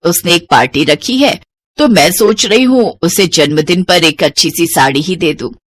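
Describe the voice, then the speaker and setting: A woman voicing a stern older mother-in-law who gives orders and scolds her daughter-in-law, in a lower voice than her own. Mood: instructing. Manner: commanding, scolding. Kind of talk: animated family story voice acting.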